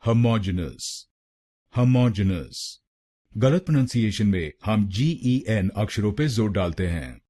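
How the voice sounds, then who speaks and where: Man, pronunciation lesson, slow, syllable drills, mellow voice, animated intonation. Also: fairly low pitch. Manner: slow syllable-by-syllable drilling, repeats each word. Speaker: pronunciation teacher.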